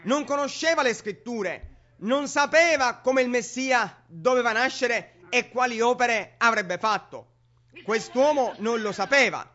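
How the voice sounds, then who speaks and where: High-voiced man preaching a sermon. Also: measured pace, sharp tone. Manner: emphatic, repetitive preaching. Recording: dull lo-fi recording.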